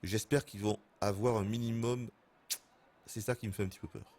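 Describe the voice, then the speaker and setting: A man in his thirties giving casual, excitable gameplay commentary as a streamer, laughing and swearing often. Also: fairly low pitch, a little fast. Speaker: gaming streamer.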